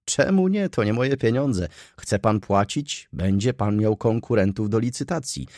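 A man reading an audiobook and voicing a shrewd, chatty old moneylender who haggles and flatters. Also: lowish voice, a little slow, no echo, studio quality, pitched above the performer's own voice. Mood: wheedling. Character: shrewd old grey-haired male moneylender.

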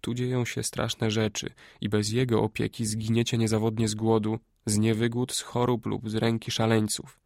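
A scheming Greek adviser who talks low and slow to win a boy over, as a man puts him on in an audiobook. His voice drops below the narration, quiet and coaxing. The recording is dry and close. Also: little pitch movement, vocal fry, no room sound. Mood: hushed persuasive.

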